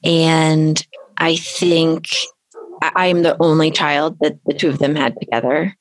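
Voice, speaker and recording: A woman's voice: low-pitched, fairly even intonation, measured pace, dry recording. A woman hosting a podcast and talking casually, in a candid, reflective way that often trails off. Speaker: podcast host. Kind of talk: casual conversation.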